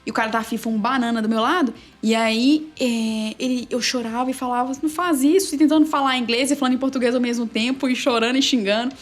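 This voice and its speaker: Fast-talking woman, animated storyteller. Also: on the high side, faint music behind. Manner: animated storytelling, quick and emphatic. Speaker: sports journalist and play-by-play narrator, guest. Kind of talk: casual interview chat.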